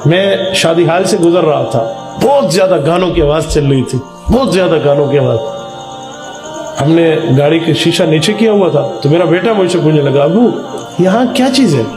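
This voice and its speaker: A man's voice: fairly high pitch, reverberant, music in the background. A man preaching a sermon, speaking with impassioned emphasis that rises and falls.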